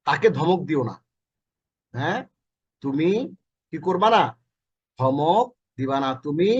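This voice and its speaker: A fairly high-pitched man with a Bangladeshi accent teaches a recorded lesson, repeating each meaning several times and fixing his own slips as he goes. His voice is a little breathy, and the recording sounds dull and lo-fi. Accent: Bangladeshi Bengali. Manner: corrects himself mid-lesson. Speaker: Quran teacher. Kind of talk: recorded lesson explaining Arabic verses.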